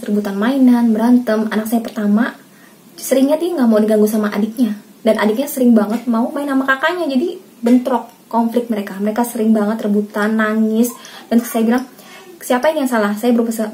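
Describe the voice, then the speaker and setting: A woman in her thirties, a mother sharing parenting tips in casual direct-to-camera advice, chatty and addressing viewers warmly by a pet name. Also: on the high side. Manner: chatty, addresses viewers as Mams, acts out her kids' lines.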